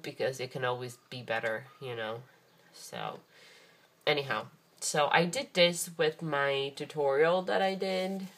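Very low-voiced woman, hoarse and chatty. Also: fairly bright tone. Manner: chatty and rambling, many ums and restarts. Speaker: craft vlogger. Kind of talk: casual craft show-and-tell.

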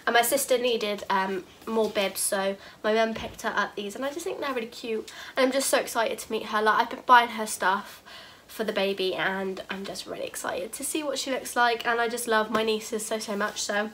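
A British woman in her twenties, a haul vlogger, chats casually to camera from her bedroom, gushing and repeating "really, really cute." Her voice sits on the high side and is a bit bright, at a moderate pace, and she sounds a bit bunged up with a cold. A little hiss or hum is audible.

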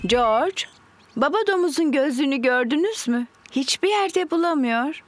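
A woman voicing a kindly, sensible, gently teasing mother pig in a children's cartoon dub. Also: sits high, animated, moderate pace, slight background noise. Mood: kindly, concerned.

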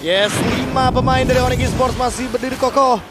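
A man calling an esports match live in an animated, emphatic fighting game announcer style. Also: extremely high pitch, brisk, heavy background noise. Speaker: esports shoutcaster. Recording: music under the commentary. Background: music.

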